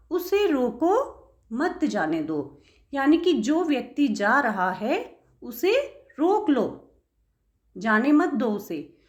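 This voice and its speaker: A woman teacher giving an online grammar lesson to young children, patient and asking the class questions as she goes. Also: on the high side.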